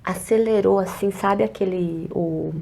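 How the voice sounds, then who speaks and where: A woman with a Brazilian Portuguese accent, an interview guest telling an emotional personal story and acting out other people's words, often softly. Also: medium pitch, unhurried, vocal fry, a little hiss or hum. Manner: acts out quoted dialogue, often softly.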